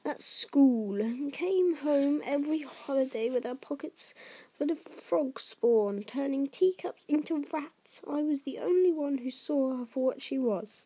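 A woman's voice: high voice, a little slow, dark tone. A woman voicing a bitter, spiteful middle-aged aunt in a storybook, ranting with scornful emphasis.

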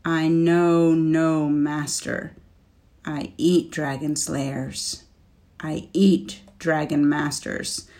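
A woman's voice: low voice, level tone. Scorch, a scornful dragon, as a woman puts him on. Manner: slow, forceful, contemptuous delivery. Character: proud scornful male dragon, huge and menacing. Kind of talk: storybook reading.

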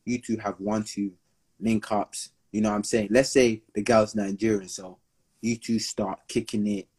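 Husky young London roadman telling stories. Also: on the low side, level tone, moderate pace, darkish tone. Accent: London urban slang (roadman). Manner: slangy, repetitive, acts out quotes. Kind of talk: casual storytelling banter.

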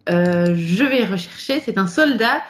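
A woman co-hosting a casual podcast, chatting in a lively way and laughing often between her points. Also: mid-range voice, unhurried. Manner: lively, laughs often, many fillers and asides. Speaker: podcast co-host. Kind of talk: casual chat about a book chapter.

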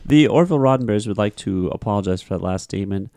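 A man co-hosting a casual podcast, joking and animated as he chats with friends. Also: on the low side, racing, no echo. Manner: joking, animated, slips into mocking voices. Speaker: podcast co-host. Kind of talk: casual chat.

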